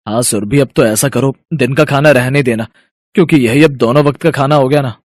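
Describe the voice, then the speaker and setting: A dryly sarcastic family man from a moral storybook, voiced by a man. His voice sits at a middle pitch. The recording is dry and close. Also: fairly quick, no room sound, close to an everyday voice.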